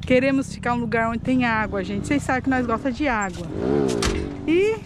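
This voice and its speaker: High-pitched Brazilian woman with a speech impediment. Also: expressive, brisk. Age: middle-aged. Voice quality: speech impediment, tongue-tied on some words. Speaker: travel vlog host. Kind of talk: casual chat to viewers. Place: outdoors by a road and inside a moving camper van. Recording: loud road, wind and vehicle noise.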